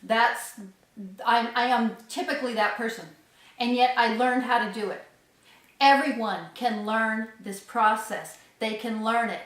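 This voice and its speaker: A woman's voice: on the high side, steady tone, measured pace, fairly bright tone. Emphatic woman, distant in an echoey room. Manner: emphatic, repeating points for stress. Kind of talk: unscripted explanation to an audience.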